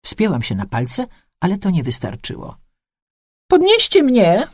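Woman narrator, first-person story, expressive reading, low voice, swooping pitch. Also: moderate pace, husky, no room sound, clean studio sound.

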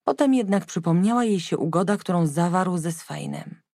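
A woman narrating a historical novel in an even, measured audiobook style. Her voice sits low with a gravelly, creaky texture. The recording is close and dry. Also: no room sound. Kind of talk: scripted narration.

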